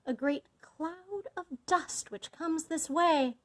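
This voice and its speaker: A woman's voice: very high voice, slow pace, a bit bright, pitched above the performer's own voice, heavily acted. A woman voicing a watchful sister who calls out from a tower in a storybook tale, in a lilting, declaiming manner. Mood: watchful, regretful. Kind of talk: dramatised fairy-tale storybook reading.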